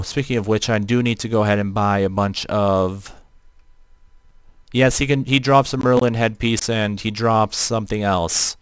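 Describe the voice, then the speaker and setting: Robotic-sounding man, low and clear. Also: no room sound. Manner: halting, repeats and rephrases as he goes. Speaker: livestreamer playing an online role-playing game. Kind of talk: casual gameplay livestream commentary.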